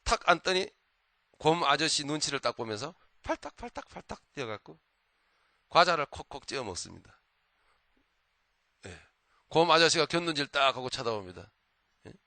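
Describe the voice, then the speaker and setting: A man's voice: a little high, normal speed, long pauses, no echo. A male pastor preaching a sermon in a church, telling stories and often prompting the congregation. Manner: animated storytelling, frequent prompts to the congregation.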